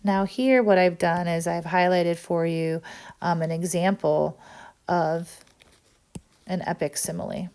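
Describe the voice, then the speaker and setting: Woman teacher, lowish voice, explanatory, frequent "right?" checks, recorded lesson. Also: fairly even intonation, a little slow, a little mellow, clean tone.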